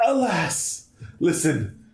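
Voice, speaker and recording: A man's voice: a little high, wildly swooping pitch, very slow, creaky, reverberant, pitched above the performer's own voice, heavily acted. A man voicing a dying young man, reading game dialogue aloud in a dramatic, gasping way. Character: dying young man warning his sister.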